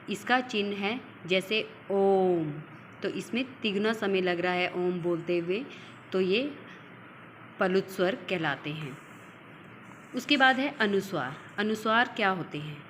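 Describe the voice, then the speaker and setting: A woman's voice: mid-range voice, fairly bright tone, slight background noise. A woman teacher giving a school grammar lesson, drawing out example sounds and explaining each point with repetition. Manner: slow, drawn-out example sounds, explains and repeats.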